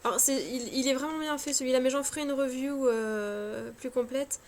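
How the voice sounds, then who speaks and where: A woman's voice: high-pitched, normal speed. A tired woman chatting casually about card decks, hesitant and self-mocking, with many fillers and restarts. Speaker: cartomancy vlogger. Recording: faint scratching background noise.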